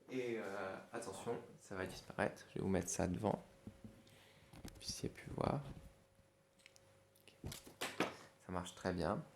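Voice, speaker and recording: A man's voice: mid-range voice, darkish tone. A man teaching a school dictation lesson, patiently spelling words letter by letter and humming to stand in for the hidden words. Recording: echoey room, faint noise.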